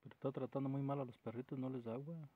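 A man with a Mexican Spanish accent chatting from behind the camera, asking gently teasing questions. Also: mid-range voice, steady tone, racing, no echo. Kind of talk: casual chat. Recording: tinny phone-like sound.

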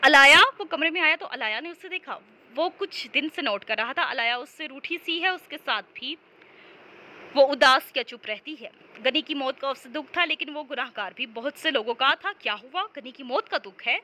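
Woman narrator, romance audiobook, expressive storytelling, high pitch, bright tone. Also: moderate pace, a little hiss or hum, rough recording. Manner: expressive storytelling, voices every character.

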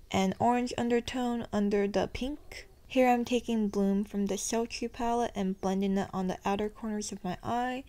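A woman's voice: medium pitch, dark tone. A young woman narrating her makeup tutorial in a chatty, self-deprecating voice-over, her sentences often rising at the end. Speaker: beauty vlogger.

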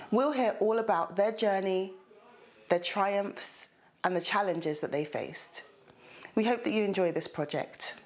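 Woman host introducing a documentary, lively and clear; standing in a living room. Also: mid-range voice. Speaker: project presenter. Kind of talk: scripted introduction to camera. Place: bright living room with bookshelves. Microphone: standing, filmed from the front.

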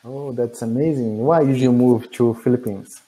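A man's voice: mid-range voice, fairly even intonation, normal speed, mellow, poor audio. A Brazilian man in his twenties with a Brazilian Portuguese accent, chatting in careful learner's English over a video call headset. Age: 20s. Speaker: English student. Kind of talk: casual video call chat. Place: indoor room, green backdrop.

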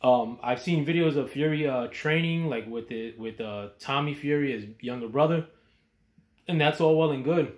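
A man's voice: medium pitch, moderate pace. A man who just woke up, giving casual boxing commentary with lots of ums and restarts. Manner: hesitant, many ums and restarts. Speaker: boxing vlogger. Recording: echoey room.

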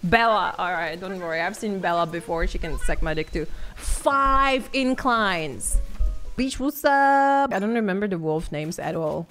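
A woman's voice: on the low side, expressive, unhurried, a bit bright, faint music behind. A woman streamer chatting with her viewers while she plays, giggling, swearing and easily distracted. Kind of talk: live-stream game commentary.

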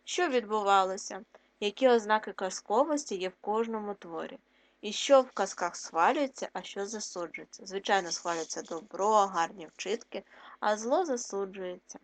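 A woman teacher giving a recorded reading lesson for young children. She gives clear, patient explanations and asks her pupils questions. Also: medium pitch, moderate pace. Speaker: primary school teacher.

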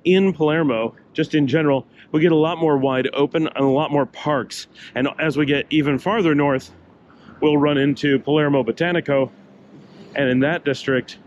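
A man's voice: a little high, normal speed, highs cut off, slight background noise. A middle-aged man vlogging a walking tour on a city sidewalk, talking to a handheld camera in a chatty, meandering way with fillers. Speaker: travel vlogger. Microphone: handheld camera at arm's length.

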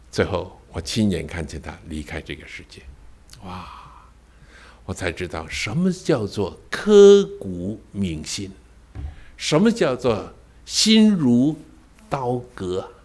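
Older male pastor, wildly expressive pitch. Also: slow, pauses often. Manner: emotional storytelling with sudden loud and soft swings; rhetorical asides to the congregation. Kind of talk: sermon with personal testimony.

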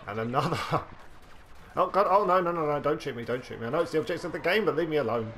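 A young man commentating on his own gameplay, excitable, talking to himself and swearing freely as he plays. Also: on the high side, fast talker, a little hiss or hum. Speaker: gaming video host.

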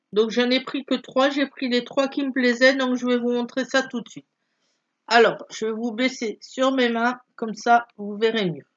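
A woman's voice: sits high, dull audio. A middle-aged woman hosting a casual craft vlog, talking in a chatty, hesitant way with many fillers and restarts while showing products at home. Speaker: craft vlogger. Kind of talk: casual product show-and-tell. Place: at home, filming her hands.

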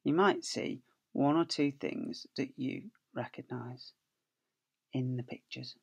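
A middle-aged male schoolteacher reads a picture book aloud to young children, playfully stretching key words and adding sound effects. His mid-range voice is gravelly, slightly rough, and slow. It's recorded close up on a laptop webcam in a small office.

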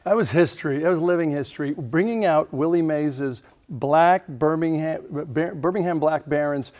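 A middle-aged man tells a sports history story for the evening news. He pushes emphasis hard and sounds animated. His voice sits a little high for a man. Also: normal speed, dry recording. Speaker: sports reporter. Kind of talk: news feature narration and studio chat. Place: TV news studio.

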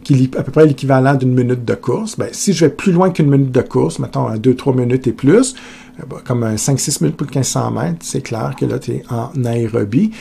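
A man's voice: medium pitch, a little fast, creaky, mellow, slight background noise. A male teacher with a Québécois accent explaining a lesson in a conversational way, speaking to students directly and asking questions aloud. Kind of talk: recorded lecture video.

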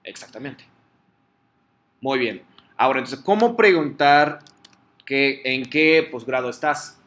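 A man teaches a lesson in Spanish. His voice is bright and clear, and he explains patiently, checking often that his students follow. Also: medium pitch, animated, unhurried. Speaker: Japanese teacher. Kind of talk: online class teaching Japanese in Spanish.

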